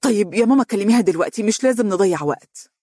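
A woman's voice: sits low, fairly even intonation, fairly quick, a little mellow, slightly rough, no room sound, clean studio sound. A narrator voicing an earnest young woman with an Egyptian accent. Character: eager young Egyptian woman, devoted sister.

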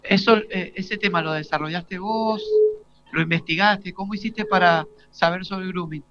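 This man's voice is high and sharp, with a little hiss or hum over the dull lo-fi live broadcast sound. He's a radio interviewer in his forties with an Argentine Spanish accent, halting through a casual chat with students and rephrasing questions over and over.

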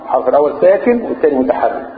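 A man with an Egyptian Arabic accent teaching Quran recitation rules, chanting the verses slowly and quizzing his students between quick explanations. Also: mid-range voice, sing-song. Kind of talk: explaining tajweed rules in a lesson. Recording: echoey room over a tinny phone-like line.

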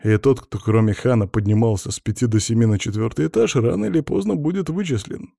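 A man's voice: medium pitch, fast talker, vocal fry, mellow, no echo, studio quality. A man reading an audiobook, voicing a blunt male boss who reassures in a folksy, patronizing way.

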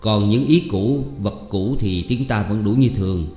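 An earnest middle-aged father , read by a man, lays out his point one measured sentence after another. The tone is mellow and rounded. It rings in a reverberant hall with faint music underneath. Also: fairly low pitch, close to an everyday voice. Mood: lecturing.

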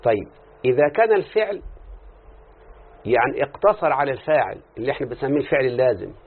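A man with an Egyptian Arabic accent, a teacher of Arabic morphology, explains a text in class and keeps quizzing his students with short questions. His mid-range voice is animated and breathy-edged, and he talks fast. The recording sounds tinny and lo-fi, like a phone.

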